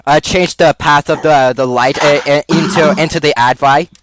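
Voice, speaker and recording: A man's voice: fairly high pitch, steady tone, moderate pace, fairly bright tone, slight background noise. A man playing a tabletop role-play game who describes his character's actions hesitantly, with many fillers and restarts. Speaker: player.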